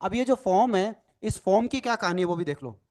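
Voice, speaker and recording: A man's voice: sits high, lively intonation, fairly quick, darkish tone. A man teaching a recorded lecture as an NLP trainer, explaining step by step, spelling words out letter by letter and often adding "ठीक है ना" as a check. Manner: explanatory, repeats "ठीक है ना" tag questions; mixes English phrases into Hindi.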